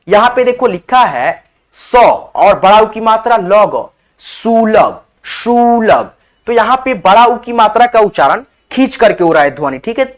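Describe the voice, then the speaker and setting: Male teacher, patient and repetitive, walks viewers through spelling one letter at a time. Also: sits high. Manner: patient, repeats words, addresses viewers as friends. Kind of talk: spelling lesson.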